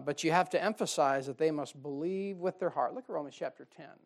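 A man preaching a sermon on soul-winning, shifting from loud emphasis to quiet asides and slowing down to read scripture. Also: high voice, gravelly. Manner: reads scripture in slow, drawn-out emphasis.

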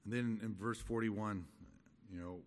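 Middle-aged male Bible teacher, lowish voice, conversational and halting delivery, recorded in a hall with long reverb. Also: steady tone, a little mellow. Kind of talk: expository Bible study sermon.

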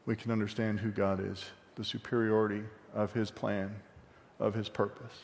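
A man's voice: on the low side, level tone, normal speed, gravelly, darkish tone, big-room sound. A male pastor preaching a sermon, conversational, with asides and questions to the congregation.

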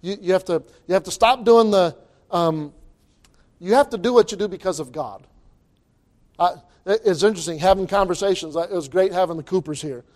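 A man's voice: high voice, brisk, darkish tone. A man preaching an informal sermon as a pastor, emphatic and folksy, repeating phrases and restarting his sentences. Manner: folksy, colloquial wording.

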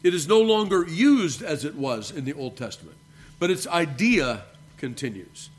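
A man, a pastor, preaching a measured sermon and reading scripture aloud. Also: fairly high pitch, big pitch swings, a little hiss or hum. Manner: addresses listeners as beloved.

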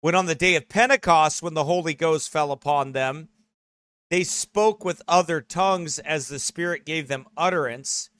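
High, bright-voiced mocking preacher man. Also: moderate pace, no echo. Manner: mocking, animated, reads quotes aloud. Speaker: pastor. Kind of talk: sermon.

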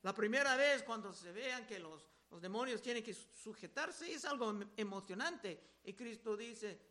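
A male preacher with a very high, bright, forceful voice, teaching through a Bible passage verse by verse. He reads scripture aloud, then explains it, often echoing his own key words for emphasis. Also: expressive, normal speed.

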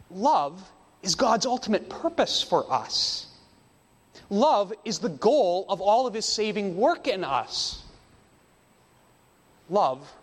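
A man preaching a sermon, slow and emphatic, with dramatic pauses between phrases. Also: high-pitched, in a large hall.

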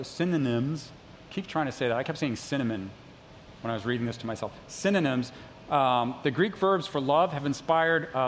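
A middle-aged man preaching a sermon to his congregation, conversational and self-deprecating, with joking asides to the listeners. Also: fairly high pitch. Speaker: pastor. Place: church sanctuary. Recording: long reverb in a large hall, faint noise.

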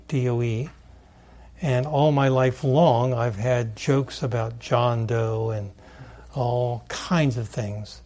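A man preaching a sermon as pastor, in a deliberate way that stresses key words. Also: mid-range voice, a little mellow.

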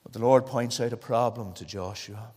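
Northern Irish preacher in an echoing hall. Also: male voice, mid-range voice, moderate pace, a little mellow, slightly rough. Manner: dramatic, rhetorical questions and repetition. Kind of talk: evangelical sermon. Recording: echoey hall with long reverb.

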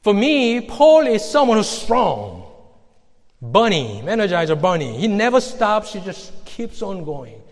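A man preaching a sermon, emphatic, reading scripture slowly and pointedly. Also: high voice, big pitch swings, in a large hall.

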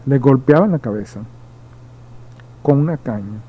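A man's voice: medium pitch, lively intonation, a little slow, slightly rough, highs cut off. A man pastor preaching a midweek sermon, reading Bible verses aloud and explaining them with repeated emphasis, with occasional slips and restarts.

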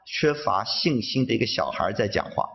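A man interpreting a sermon phrase by phrase, somewhat halting. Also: fairly low pitch, expressive, vocal fry, husky, lo-fi sound.

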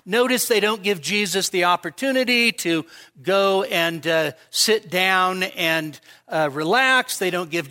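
A pastor preaches conversationally, often putting rhetorical questions to his listeners. His voice sits high with a sharp tone.

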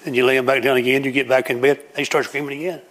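A man's voice: medium pitch, flat delivery, very fast, fairly bright tone. A man preaching a sermon to a congregation, telling homely stories and acting out everyday scenes. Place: church room with a congregation.

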